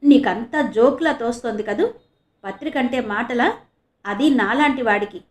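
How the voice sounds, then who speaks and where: A woman's voice: fairly high pitch, normal speed, natural voice. A woman voicing an earnest young reporter.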